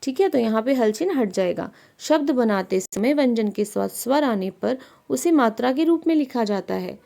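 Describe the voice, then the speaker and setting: A woman teaches a primary-school grammar lesson, her voice a little high and edged with gravel. She explains each point step by step and keeps asking her pupils questions before she answers them herself. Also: expressive, normal speed, mellow.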